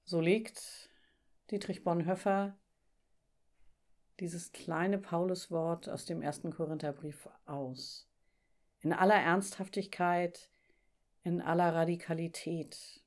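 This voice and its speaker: A woman leading a church devotion with readings and reflection, speaking in a solemn, measured and deliberate way. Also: lowish voice, steady tone, darkish tone.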